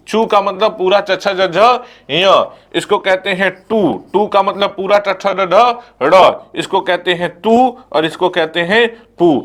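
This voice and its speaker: A man's voice: high voice, fairly bright tone. A young man teaching an exam coaching lecture, who asks questions and answers them himself and recites letters one by one.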